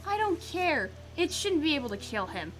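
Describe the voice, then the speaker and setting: A woman's voice: sits high, sing-song, normal speed, over music, low-quality recording. A woman co-hosting a casual game playthrough, reacting bluntly and swearing now and then. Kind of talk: casual let's-play chat.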